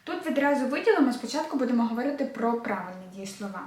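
A woman's voice: fairly high pitch, lively intonation, darkish tone, roomy sound. Woman teacher drilling verb forms. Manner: clear, repeats forms slowly for drilling. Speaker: Spanish teacher. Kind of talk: language lesson.

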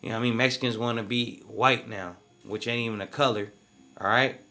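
A man's voice: mid-range voice, steady tone, brisk, sharp tone. A man giving casual, slangy video commentary in an emphatic way, often asking "you feel me".

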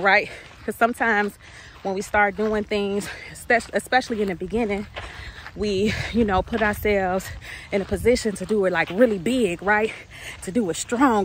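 A woman's voice: medium pitch, a little hiss or hum. A woman vlogging outdoors on a walk, out of breath, upbeat and encouraging, often asking "right?" and saying "y'all". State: out of breath while walking. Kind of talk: casual motivational vlog. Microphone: phone camera held by a companion.

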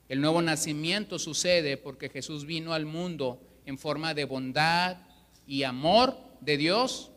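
A Mexican pastor with a high, bright voice preaches emphatically, pressing his points with rhetorical questions. The long reverb of the church hall rings around his words.

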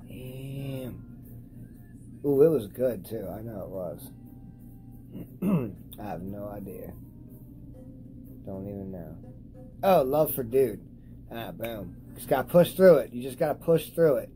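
A high young man rambling profanely and losing his train of thought in a casual vlog. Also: dark tone, rough recording. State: high on cannabis. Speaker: cannabis vlogger. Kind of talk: casual stoned rambling to camera.

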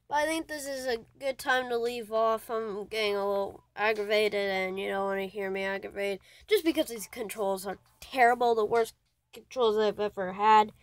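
A woman giving casual gaming commentary as a channel host, chatty and excitable and quick to grumble about the game. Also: a little high, no echo, poor audio.

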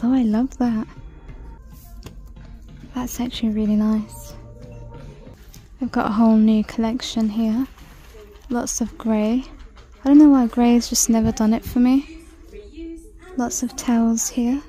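Chatty woman with a mellow voice. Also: fairly high pitch. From United Kingdom. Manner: chatty, reads out prices, drops to soft whispers at times. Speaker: shopping vlogger. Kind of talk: casual shop-with-me commentary. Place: large indoor store. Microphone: handheld phone camera.

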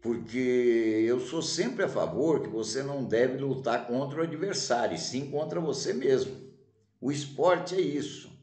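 Speaking in an unhurried, slightly mellow medium-pitched voice, this man runs a checkers channel where he comments and tells stories in a relaxed way. He ends almost every phrase with "né?", and the sound carries a roomy echo.

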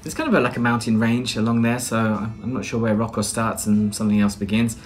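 He talks fast in a fairly low, steady voice, with faint music behind him. This British English speaker, a man from Britain in his thirties, does casual vlog chat and voice-over narration in a small plain room, rambling chattily with many "uh"s and restarts.

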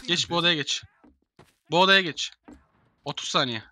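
Bright-voiced young man bossing players around. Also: a little high, moderate pace, no echo. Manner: bossy, herding players, swearing. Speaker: gamer streamer. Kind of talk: casual game voice chat.

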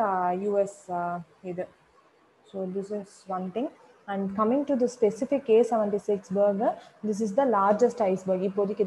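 A woman's voice: medium pitch, mellow, a little hiss or hum, low-quality recording. A woman with a Tamil accent teaching an exam revision lesson on current affairs, switching between Tamil and English with frequent fillers and restarts.

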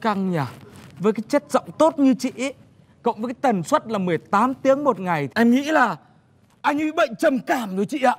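An actor playing a tactless, nosy village neighbor who laments dramatically and explains things like a know-it-all. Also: male voice, very high voice, lively intonation, a little fast, exaggerated voice. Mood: chatty.

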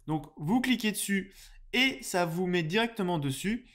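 A tech YouTuber reviews a USB desk microphone at home, recording a casual screen-share tutorial on the mic under test. He explains things hesitantly, full of fillers, in a high-pitched, expressive voice that's a bit bright, at normal speed.

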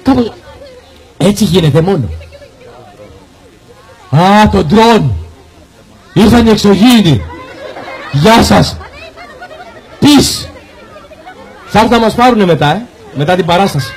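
A man performing a magic show for children at an outdoor carnival, with animated, teasing patter and calls to the crowd. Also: sits high, pauses often. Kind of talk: playful live show patter.

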